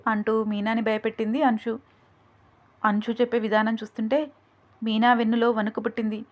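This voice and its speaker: A woman storyteller narrating her own romance story in a steady, even way. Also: on the high side, fairly quick, lo-fi sound. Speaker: storyteller and writer.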